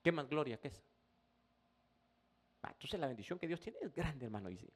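Male pastor, sermon, fairly high voice, very lively pitch, talks to the congregation like a brother. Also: brisk, breathy edge. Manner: conversational preaching, addresses listener as brother, rising emphatic bursts.

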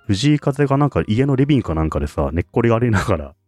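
A man's voice: medium pitch, sing-song, very fast, a little mellow, no echo, faint music behind. A man co-hosting a casual podcast chat, talking enthusiastically and laughing often. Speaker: podcast co-host.

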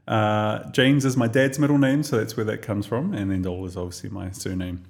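On a podcast where he's both co-host and guest, a New Zealand man in his forties tells his own story in a reflective, chatty way. His voice is lowish and gravelly, fairly even in intonation, and brisk.

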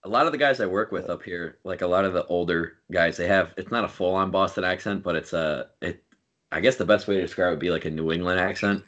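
Low-voiced joking podcast host, a man. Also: fast talker, a bit bright, muffled recording. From Long Island. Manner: joking, teasing banter. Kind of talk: casual chat.

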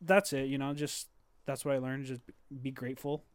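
A man's voice: mid-range voice, fairly even intonation, normal speed, clean tone, no room sound, clean studio sound. A young man from Southern California, co-hosting a podcast in casual chat, telling stories with many restarts and fillers. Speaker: podcast co-host.

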